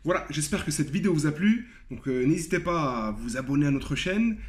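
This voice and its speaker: A man with a fairly high voice teaches a lesson, walking through each point step by step. He slows down to repeat example words carefully and fills the pauses with hesitations. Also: expressive. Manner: explains step by step, repeats example words slowly, frequent fillers. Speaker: Arabic teacher. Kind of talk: video lesson.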